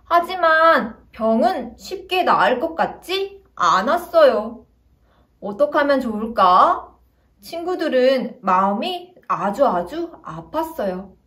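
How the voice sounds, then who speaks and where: A woman evangelist telling a Bible story to small children in an animated, sing-song storytelling manner. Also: sits high, takes it slowly.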